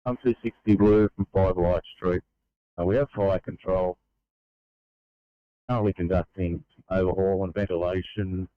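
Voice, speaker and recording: A man's voice: deep voice, steady tone, normal speed, pauses often, no room sound. An Australian man on a fire crew, giving clipped, procedural reports over a two-way radio. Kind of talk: radio call. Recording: tinny two-way radio channel.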